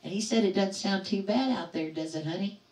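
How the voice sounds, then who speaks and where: A woman's voice: mid-range voice, fairly quick, a little mellow. An older woman hosting a music livestream from her home, chatting cheerfully and greeting viewers by name. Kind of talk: casual chat with viewers. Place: home in a trailer park. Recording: roomy, distant from the mic.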